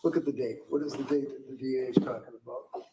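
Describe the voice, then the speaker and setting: A man acting as defense attorney, questioning a witness in a courtroom, halting with ums and restarts. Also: medium pitch, steady tone. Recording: echoey courtroom audio with faint noise.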